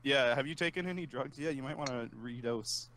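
A young man with an average-pitched voice talks casually while gaming. He banters in a teasing, sweary way, with clear noise behind his voice. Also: brisk, a bit bright.

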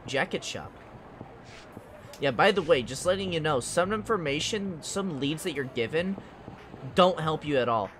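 A man's voice: on the high side, fairly bright tone, a little hiss or hum. A man giving casual playthrough commentary, thinking aloud informally as he goes. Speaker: gamer. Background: game music.

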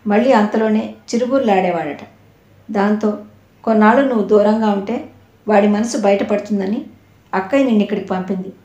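A woman's voice: mid-range voice, fairly quick, dark tone, dull audio, lightly acted. A woman voicing a middle-aged aunt who speaks in an affectionate, coaxing way. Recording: roomy echo.

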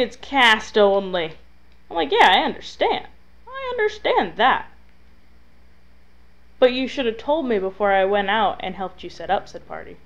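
A woman commentating her own gameplay, venting and scolding the game, drifting between muttering and yelling. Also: mid-range voice, dull audio. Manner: exasperated, talks to the game, swings from muttering to yelling. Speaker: gaming video host. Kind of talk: let's play commentary.

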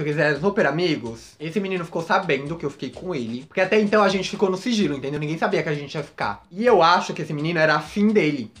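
A man's voice: a little high, a bit bright. A man telling a dramatic, gossipy story to camera, often calling out to his viewers. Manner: gossipy, dramatic, campy, addresses viewers as "gente" and "menina". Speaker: vlogger.

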